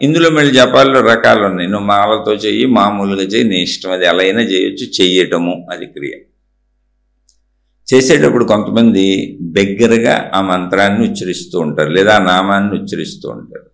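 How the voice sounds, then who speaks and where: A man's voice: lowish voice, quick pace, gravelly, a bit bright, reverberant. A man giving a spiritual discourse, explaining patiently and repeating key points for emphasis. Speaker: spiritual teacher.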